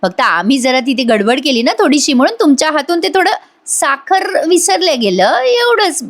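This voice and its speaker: A man's voice: extremely high pitch, sing-song, normal speed, fairly bright tone, voice pushed up, full character voice. A woman voicing a polite, reassuring young hero in a spoken serial retelling. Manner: polite, soothing.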